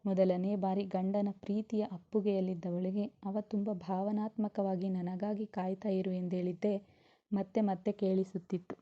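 A woman storyteller reading a serialized romance novel aloud in a steady, expressive way. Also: mid-range voice, normal speed, dull audio.

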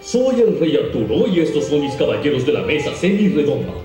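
A man's voice: on the high side, very animated, a little fast, warm tone. A young man playing a solemn, puzzled King Arthur on a school stage, speaking formally. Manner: formal, stately speech. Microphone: far camera in the audience. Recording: echoey theater hall with music.

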